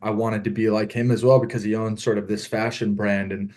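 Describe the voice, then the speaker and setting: A man's voice: on the low side, little pitch movement, brisk, darkish tone. A middle-aged man from Southern California, a podcast guest on a video call, telling his story in an earnest, reflective way. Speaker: podcast guest, apparel founder. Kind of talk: casual interview storytelling.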